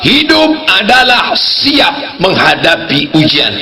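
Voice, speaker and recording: A man with an Indonesian accent preaching a lively sermon, telling stories and acting out the people in them. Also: slow pace, rough recording. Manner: animated storytelling, acting out characters with sudden high-pitched cries. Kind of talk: lively sermon with acted dialogue.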